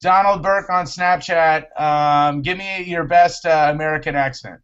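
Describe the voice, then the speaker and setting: Playful higher-voiced man hosting a live chat show. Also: unhurried, a bit bright, clean tone, lo-fi sound. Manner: playful, jokey, calls out guests. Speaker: host.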